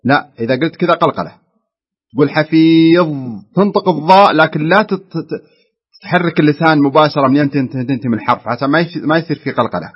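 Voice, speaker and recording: A man's voice: on the high side, very fast, breathy edge, highs cut off. A man teaching Quran recitation, patiently correcting callers step by step. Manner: patient, explains step by step with repeated examples.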